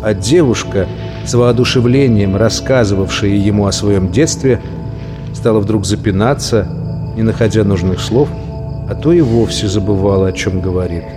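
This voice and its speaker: A man reading a story aloud as an audiobook narrator, measured and expressive. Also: lowish voice. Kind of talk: scripted narration. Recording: long reverb with music and crickets.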